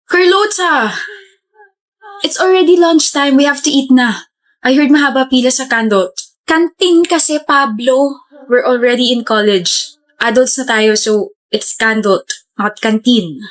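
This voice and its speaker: A woman playing a loud, bubbly young college woman in a comedic point-of-view skit, talking quickly and insistently. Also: high voice. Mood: bossy.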